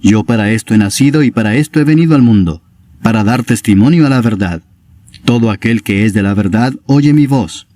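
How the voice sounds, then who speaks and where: A man reading the part of Jesus, a calm grown man on trial, in a slow, solemn and measured way. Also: fairly low pitch, dry recording, clean studio sound, close to an everyday voice.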